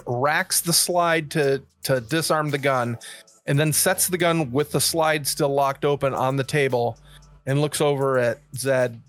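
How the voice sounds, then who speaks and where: A man playing his character in a tabletop game, describing actions and speaking in character in a relaxed, halting way. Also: on the high side. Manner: relaxed, halting with restarts and asides. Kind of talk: casual chat, role-playing his character.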